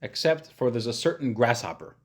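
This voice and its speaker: A man giving an informal lesson as a rabbi, explaining in plain, casual words and often pausing to search for the next one. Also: mid-range voice, big pitch swings. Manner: hesitant, searching for words, thinking aloud; casual, plain-spoken, simplifying. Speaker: rabbi teaching a class.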